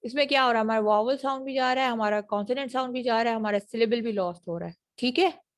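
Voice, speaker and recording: A woman with a Pakistani accent giving an online university phonetics lecture, explaining patiently and checking often whether students understand. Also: on the high side. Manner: explanatory, repeats English phrases slowly then fast.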